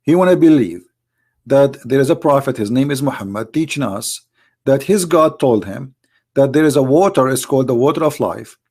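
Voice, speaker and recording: Hosting a religious video, a man with a medium-pitched, slightly mellow voice delivers an argumentative monologue in non-native English phrasing. He speaks emphatically, repeating his points and posing rhetorical questions.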